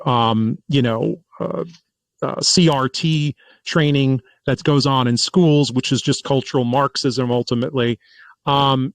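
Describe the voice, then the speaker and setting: A man hosting a political podcast in casual commentary, talking in an animated way and often restarting and repeating words. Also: mid-range voice, no room sound, poor audio. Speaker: podcast host.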